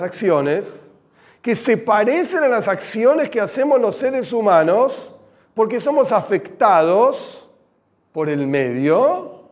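Animated Rioplatense male Torah teacher. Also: high-pitched. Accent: Rioplatense Spanish. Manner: animated, acts out examples, mixes in Hebrew terms. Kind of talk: religious text lesson to girls.

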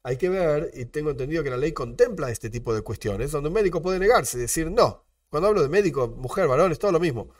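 Animated Argentine rabbi, lively pitch. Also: male voice, fast, hardly any pauses, no echo, clean studio sound, far from the mic. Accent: Argentine Spanish. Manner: animated, rhetorical questions, repeated disclaimers. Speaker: rabbi teaching. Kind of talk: religious lesson.

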